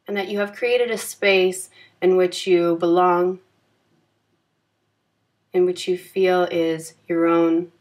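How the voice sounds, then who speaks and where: A woman guides a yoga nidra meditation, her fairly low voice calm, gentle, and soothing, with unhurried phrasing.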